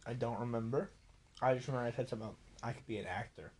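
A man's voice: mid-range voice, very fast, a little mellow, slight background noise. Drunk young man joking crudely. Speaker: podcast co-host. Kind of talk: casual chat.

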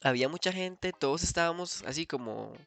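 A man's voice: fairly high pitch, animated, fairly quick, gravelly, fairly bright tone, soft background music. A man with a Costa Rican accent telling a long personal story in casual chat, rambling with many fillers and restarts. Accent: Costa Rican Spanish.

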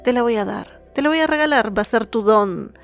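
A woman voicing a wrathful, vengeful queen goddess who pronounces a curse loudly. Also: medium pitch, lively intonation, moderate pace, vocal fry, soft background music. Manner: loud, cursing pronouncement.

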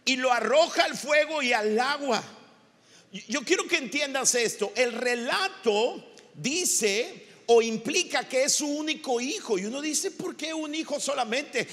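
A male pastor with a Mexican Spanish accent delivers an impassioned sermon, now and then rising to shouts. His voice sits very high and bright. A long reverb from the church hall trails behind his words. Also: expressive, unhurried.

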